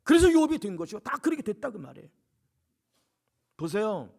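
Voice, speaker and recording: Male pastor, very high voice, emphatic preaching with rhetorical questions. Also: sing-song, a little fast, creaky, a little mellow. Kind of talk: sermon.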